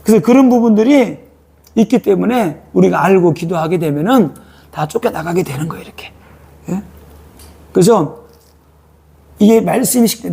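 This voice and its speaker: Male pastor, sermon, high raspy voice, chatty style that keeps asking the congregation "eh?". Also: dark tone. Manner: colloquial, prods listeners with repeated "eh?". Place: church.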